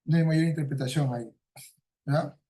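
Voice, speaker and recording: A man's voice: fairly high pitch, moderate pace, warm tone. A man teaching a class, explaining through everyday examples, repeating his points and tagging nearly every sentence with a questioning "no?". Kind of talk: lecturing a class.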